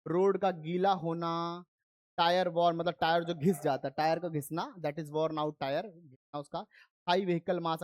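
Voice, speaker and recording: A slightly high, somewhat mellow male voice, free of echo, belongs to a science teacher running an online physics lesson. Alternating Hindi and English terms, he works through the material step by step and keeps asking if students are following.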